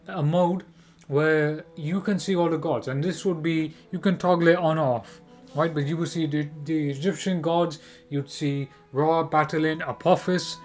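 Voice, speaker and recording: A man giving opinionated video game commentary, emphatic and repetitive, often posing rhetorical questions. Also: a little high. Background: music.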